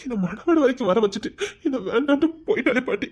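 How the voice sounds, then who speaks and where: A man's voice: very high voice, animated, fast, heavily acted. A man playing a heartbroken young man who was rejected by his bride, speaking with a Tirunelveli accent in a pleading, despairing way. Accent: Tirunelveli Tamil. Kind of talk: village comedy drama acting.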